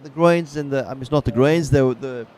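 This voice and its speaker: A man giving casual, laid-back live commentary as a surf contest announcer, unhurried and chatty. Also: medium pitch, a little mellow. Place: outdoors at a surf beach. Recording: outdoor ambience with clear background noise.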